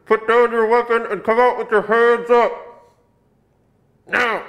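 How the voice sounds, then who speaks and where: A man playing a police officer who shouts commanding orders through a megaphone. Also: very high-pitched, little pitch movement, unhurried, exaggerated voice.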